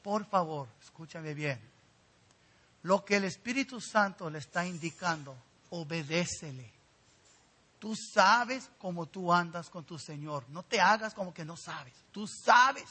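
A man delivering a sermon in a high, bright voice that climbs and falls emphasis. His tone is slightly husky. He urges his congregation directly and earnestly. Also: expressive, measured pace. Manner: preaching with rising emphasis and direct appeals to the congregation. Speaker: pastor.

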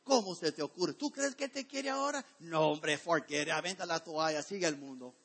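A man voicing the devil as a scornful male accuser who taunts with mocking questions, lower and quieter than his own voice. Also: moderate pace. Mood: taunting.

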